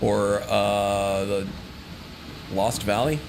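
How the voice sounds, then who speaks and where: A man's voice: lowish voice, fairly even intonation, extremely slow, background noise. A man streaming a video game, chatting casually with his viewers and laughing as he plays. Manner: chatty, laughing, talking to chat. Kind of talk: casual gameplay commentary.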